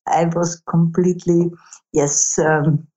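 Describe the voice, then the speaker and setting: An Austrian woman speaks in an interview, her German accent clear in every phrase. She pauses often and fills gaps with small hesitations. The sound is dull and lo-fi. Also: fairly low pitch, flat delivery, dark tone. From Upper Austria. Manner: hesitant, many fillers. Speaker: university teacher, ethnographer. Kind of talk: casual interview.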